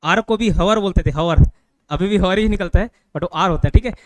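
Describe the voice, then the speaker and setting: High-voiced male teacher quizzing students. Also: fairly bright tone, no room sound. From India. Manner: keeps checking understanding with quick questions to students. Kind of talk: classroom grammar lecture. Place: classroom with students.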